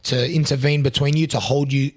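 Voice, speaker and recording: A man in his twenties with a hoarse, raspy voice, talking earnestly and reflectively in a casual podcast chat, with lots of "you know" fillers. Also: medium pitch, steady tone, a little fast, darkish tone. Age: 20s. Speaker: podcast co-host.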